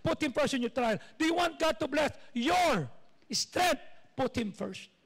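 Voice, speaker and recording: A man's voice: very high voice, lively intonation, a little slow. A middle-aged Filipino man preaching a sermon as pastor, with repetitive rhetorical calls to his congregation. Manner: preaches in mixed Tagalog and English, repetitive calls.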